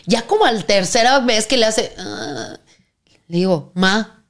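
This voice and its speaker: A woman's voice: fairly high pitch, normal speed. A woman with a Mexican accent, chatting on a podcast and telling a story expressively. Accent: Mexican Spanish. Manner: expressive storyteller who acts out voices. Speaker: podcast co-host. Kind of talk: casual chat.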